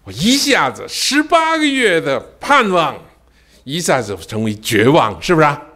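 An older man preaching a sermon as a pastor, telling a personal story with sudden swings between loud cries and hushed near-whispers, and tossing rhetorical questions to the congregation. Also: fairly high pitch, very animated, normal speed.

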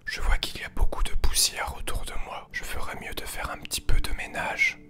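A young man playing an overly calm relaxation guide in a soft, soothing whispered role-play for a parody ASMR video. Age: young adult. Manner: slow, soothing, deliberately gentle. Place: small bedroom with computer desk, indoors.

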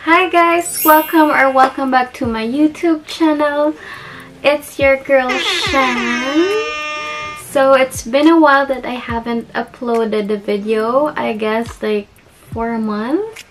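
A young Filipino beauty vlogger talks casually through a haul, chatty and giggly, with lots of ums and restarts. She speaks slowly in a high voice. The recording is rough, with soft background music.

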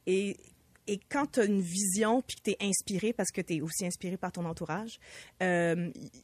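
A woman's voice: on the low side, moderate pace, a little mellow, slightly rough, dry recording. Hesitant woman, dry studio sound. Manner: hesitant, restarting with many fillers. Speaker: guest. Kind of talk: radio interview conversation. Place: radio studio.

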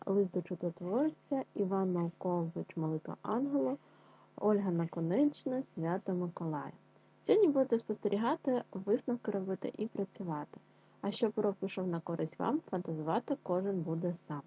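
Soft husky teacher woman, dull lo-fi sound. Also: medium pitch, expressive. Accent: Ukrainian. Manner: clear, slow syllable-by-syllable dictation for children. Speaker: primary school teacher. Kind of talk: online reading lesson for children.

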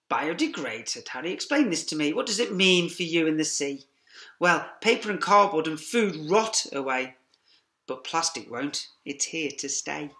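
A middle-aged male teacher whose voice sits high reads a rhyming picture book to young children, lively and sing-song, with quiet asides. The clip comes from a laptop webcam in an echoey classroom.

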